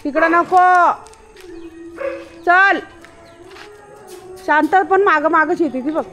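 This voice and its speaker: A woman's voice: very high-pitched, slow, bright, forceful tone. A woman vlogging outdoors in light rain, filming on a handheld camera while she coaxes and scolds her dogs. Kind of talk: casual vlog talk. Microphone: handheld camera while walking.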